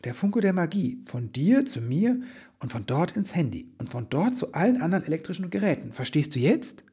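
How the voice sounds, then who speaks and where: A man voicing an anxious, earnest male Christmas elf in a storybook reading, husky, hesitant and sometimes rushing. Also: on the high side, sing-song, mellow, pitched above the performer's own voice, full character voice. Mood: excited. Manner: hesitant, then tumbling out words.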